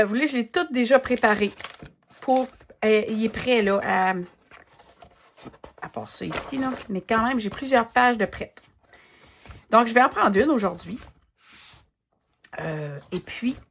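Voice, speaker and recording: A woman with a Québécois French accent chatting casually as she works in her art journal, thinking aloud with many pauses and fillers. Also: medium pitch, a little hiss or hum. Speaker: craft vlogger. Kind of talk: casual chat while crafting.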